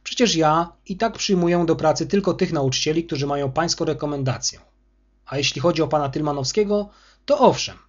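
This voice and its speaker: A man's voice: fairly high pitch, brisk, highs cut off, voice pushed up, lightly acted. A man voicing a polite, restrained older headmaster in his sixties who defends himself. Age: 60s. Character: older male school headmaster, calm but offended.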